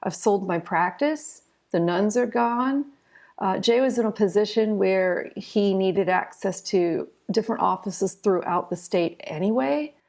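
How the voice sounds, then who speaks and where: Speaking in an unhurried, gravelly, slightly mellow mid-range voice, this middle-aged American children's author and illustrator gives an interview. She answers in a chatty, informal style, explaining things through stories.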